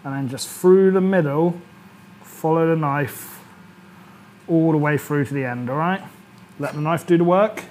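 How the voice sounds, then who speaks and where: Chatty and instructional, a British man in his thirties runs an informal cooking demo on an indoor kitchen studio set as the chef of a cooking series. His voice is fairly high and a little mellow, his pace measured with frequent pauses, and he keeps asking "all right?" A little hiss or hum is audible.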